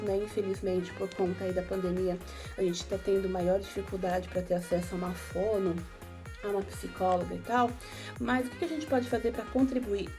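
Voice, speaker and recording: A woman with a Brazilian Portuguese accent, a mother and neuropsychopedagogue, giving parents advice in an informal, conversational way and often adding tag questions. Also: mid-range voice. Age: adult mother of young children. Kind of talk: informal educational talk to parents.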